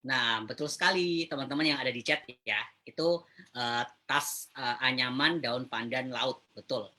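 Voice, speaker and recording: A man presenting a webinar in a casual, chatty way, often pausing with hesitant fillers as he addresses the viewers. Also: mid-range voice, sharp tone. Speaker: webinar speaker.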